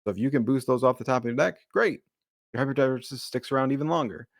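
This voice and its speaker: Gravelly man with slight Boston accent. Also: medium pitch, fast talker, no echo, clean studio sound. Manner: relaxed, rambling explanations with many fillers; jokes about his slight Boston accent. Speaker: deck builder, co-host. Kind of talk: casual card game discussion.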